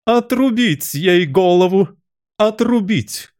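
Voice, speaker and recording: A man reading a storybook aloud, voicing a furious, tyrannical queen who screams orders in a shrill voice. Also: animated, normal speed, a little mellow, clear, resonant tone, natural voice. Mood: furious commanding.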